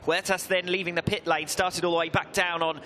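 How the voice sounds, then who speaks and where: A man's voice: sits high, a little fast. A man giving fluent live commentary on a motorcycle race. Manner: fluent, builds excitedly with the action. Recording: loud engine and trackside noise behind. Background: motorbike engines, outdoor race ambience.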